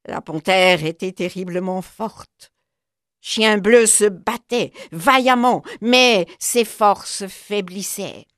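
A woman's voice: slow pace, dry recording, studio quality. A woman storyteller reading a children's storybook aloud, narrating expressively. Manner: expressive, with sweeping pitch.

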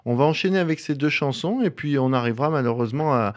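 A man's voice: mid-range voice, expressive, fast talker. A man hosting a community radio show, chatting casually and teasing his co-host in the studio.

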